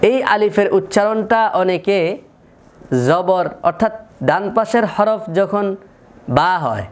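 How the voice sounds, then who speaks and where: A man's voice: high-pitched, unhurried. A man teaching Quran letter pronunciation, patiently repeating each sound to demonstrate. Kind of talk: slow, deliberate lesson with repeated sample sounds.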